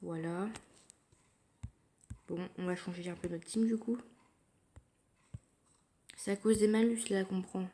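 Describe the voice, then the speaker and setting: A woman giving casual commentary while playing a mobile game, thinking aloud in a quiet, low-key way, recorded through her phone. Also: fairly even intonation, slow pace, long pauses. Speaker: mobile gamer narrating her play. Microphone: phone screen recording.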